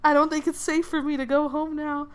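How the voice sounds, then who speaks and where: A woman's voice: sits high, level tone, fairly quick, pitched above the performer's own voice, natural voice. A woman voicing a panicked young man with a tail, frantic, swearing and pleading.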